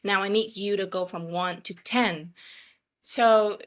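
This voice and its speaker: A woman's voice: medium pitch, steady tone, slow pace. A woman from Vietnam talking as a guest on a podcast, chatty and full of fillers, acting out the people she quotes. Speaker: podcast guest, startup founder. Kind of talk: casual podcast conversation.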